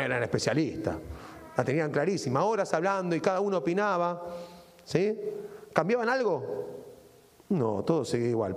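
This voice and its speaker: A middle-aged man with an Argentine accent delivers a sermon in a fairly high, sharply rising and falling voice. He keeps pulling his listeners in with little rhetorical questions. A long hall reverb trails after his words. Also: a little mellow. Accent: Argentine Spanish. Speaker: pastor.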